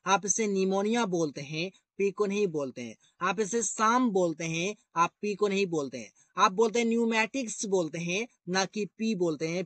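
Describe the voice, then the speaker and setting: Bright, high-voiced man teaching. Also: no room sound. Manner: repetitive, addresses viewers as guys. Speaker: English teacher. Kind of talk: explanatory grammar lesson.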